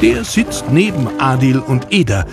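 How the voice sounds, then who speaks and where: A man's voice: medium pitch, sing-song, a little slow, creaky. A man narrating a scripted children's story as the narrator. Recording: music behind the voice.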